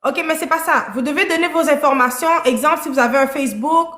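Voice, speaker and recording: A woman with a high, bright voice hosts a live-stream dating show and keeps pressing her guest with probing questions. The sound is roomy and echoey. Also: quick pace.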